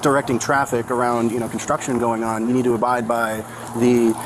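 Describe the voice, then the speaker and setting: A man's voice: medium pitch, level tone, fairly quick. A male police officer questioning someone in a procedural, polite manner, recorded outdoors on a body-worn camera. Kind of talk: investigative questioning. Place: outdoors by a driveway near traffic. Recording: noisy outdoor bodycam, vehicle noise.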